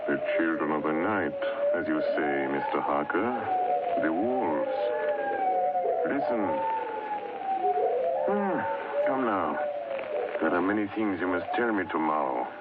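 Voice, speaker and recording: An actor playing a courtly, sinister vampire count with slow, formal menace in an old radio horror drama. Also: male voice, low voice, expressive. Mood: menacing relish. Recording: noisy, tinny vintage radio broadcast recording.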